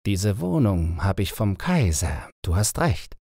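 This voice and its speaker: A man voicing a kindly, calm adult soldier in a storybook reading, speaking in a reassuring way. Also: lowish voice, takes it slowly, vocal fry, husky, no echo, heavily acted.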